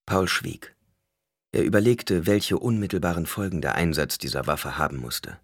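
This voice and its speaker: A man narrating an audiobook in a measured, expressive manner. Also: low-pitched, slightly rough, dry recording, clean studio sound.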